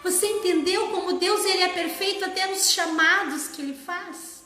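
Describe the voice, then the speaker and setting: A woman preaching a sermon, slow and emphatic, sometimes sliding into song. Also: extremely high pitch, bright, forceful tone, soft background music. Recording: echoey room.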